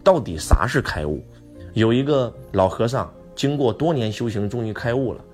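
A man's voice: mid-range voice, expressive, normal speed, darkish tone, faint music behind. A man giving a motivational lecture who keeps asking the audience rhetorical questions.

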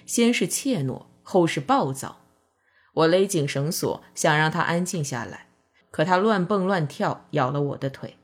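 Husky woman narrating an audiobook. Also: lowish voice.

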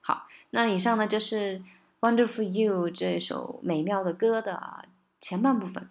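A woman giving a casual spoken lesson on singing and pronunciation, patient and coaxing, often checking in with listeners and slowing down to model English words. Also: medium pitch, fairly even intonation, gravelly. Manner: slows down to model English words, sometimes sings lines.

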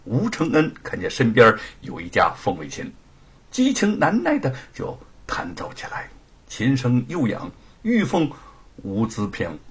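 A man's voice: mid-range voice, wildly swooping pitch, unhurried, slightly rough. A man narrating a story dramatically and emotively, often sinking to a whisper.

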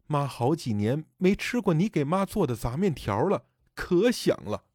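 A man voicing the grieving spirit of a dead elderly mother, speaking softly and sorrowfully. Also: fairly high pitch, sing-song, normal speed, no room sound, studio quality. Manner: soft, sorrowful pleading.

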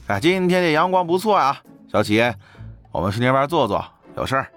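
A woman's voice: a bass voice, big pitch swings, brisk, soft background music, pitched below the performer's own voice. A woman voicing a lazy, shameless female company boss in an audio novel, in an offhand drawl.

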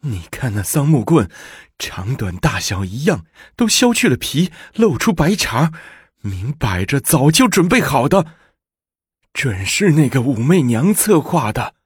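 A man's voice: mid-range voice, very animated, unhurried, breathy edge, no room sound, studio quality, voice pushed up, heavily acted. A man voicing an eager, fawning female nun who speaks in an agitated rush of accusation.

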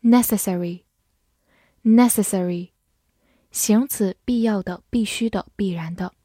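A woman's voice: mid-range voice, takes it slowly, dark tone, husky, no echo. A woman teacher drilling English vocabulary, saying each word twice and then explaining its meaning.

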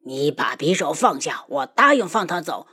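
A woman's voice: low-pitched, sing-song, moderate pace, sharp tone, breathy edge, voice pushed down, full character voice. A woman voicing a ruthless, scheming old nobleman who mocks and menaces in an audiobook. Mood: yielding. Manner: sneering, menacing. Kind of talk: audiobook character voice.

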